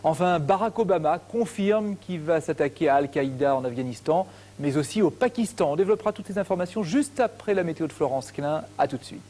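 A man anchors the evening news from a television studio, reading headlines steadily and formally. His voice sits a little high and sounds warm and mellow. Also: a little hiss or hum. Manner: measured, steady newsreader delivery.

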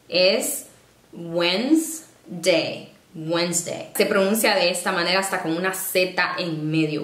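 A woman presenting a casual teaching vlog, patiently explaining and slowing down to sound out example words. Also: on the low side, a bit bright. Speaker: online English-learning presenter. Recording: echoey room.

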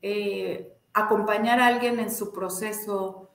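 A woman, telling a personal story in a casual, animated way and acting out the voices of the people she quotes. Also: mid-range voice, slow pace, creaky, roomy sound. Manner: animated, acts out quoted dialogue. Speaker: guest, student of a healing method.

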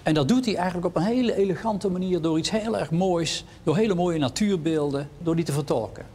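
A man's voice: high voice, a little fast, warm tone, husky. A man giving a philosophy lecture, reflective and questioning, stressing key words emphatically. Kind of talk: lecture with read-aloud passages.

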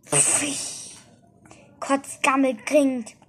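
A woman voicing a cheeky little male ink monster in a storybook reading, squealing high and loud when upset. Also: fairly even intonation, slow, husky. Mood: panicked. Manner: shrieking, squealing in distress.

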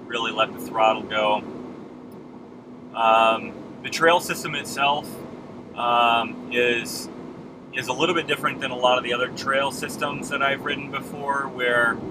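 Driving along, a man in his thirties who vlogs about mountain biking talks to the camera on his dashboard in a loose, rambling way, saying "um" often. His voice is mid-range, with road, engine and air-conditioning noise from the cabin.

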